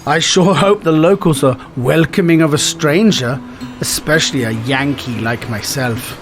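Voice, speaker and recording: An excitable middle-aged man who can't stop explaining himself, as a podcast host reads him out. He talks a little higher than usual and bubbles with eagerness. Guitar music plays softly behind the voice. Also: a little slow, natural voice. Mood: eager. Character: excitable plump 42-year-old man, would-be writer. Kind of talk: reading a screenplay aloud.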